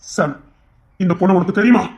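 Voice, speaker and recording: A man voicing a stern, hurt older brother who speaks slowly and accusingly. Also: sits high, vocal fry, voice pushed down.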